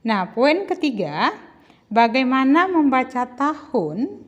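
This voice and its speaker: A woman tutors children in a measured, unhurried voice. She speaks slowly at a middling pitch. She keeps asking her class questions and then answers them gently herself. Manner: patient, addresses pupils as children, asks and answers own questions. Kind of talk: slow classroom explanation.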